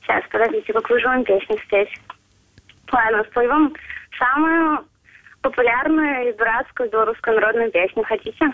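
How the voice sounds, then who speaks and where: High-voiced young Belarusian-accented woman on phone. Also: moderate pace, dry recording. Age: young adult. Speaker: phone-in guest on a radio show. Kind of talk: casual chat. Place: on a phone call. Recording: thin narrowband telephone line.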